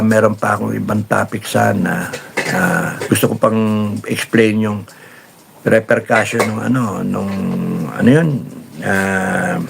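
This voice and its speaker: A man hosting a casual live stream, reading viewer comments and telling stories in a rambling, animated way with many fillers. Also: on the low side, vocal fry, noisy background. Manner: rambling, animated storytelling with laughs and repeated fillers.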